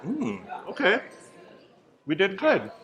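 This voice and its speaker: A man's voice: high-pitched, wildly swooping pitch, slow pace, muffled recording, heavy background noise. A man hosting a casual travel vlog, joking and laughing often as he chats. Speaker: vlog host. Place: cruise ship cooking class and bar. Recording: busy crowd chatter behind.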